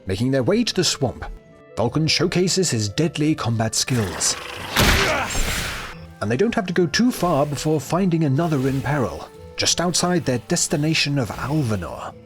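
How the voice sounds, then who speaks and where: A man's voice: on the high side, sing-song, moderate pace, music in the background. A man narrating a comic video game review with sarcastic, mocking delivery.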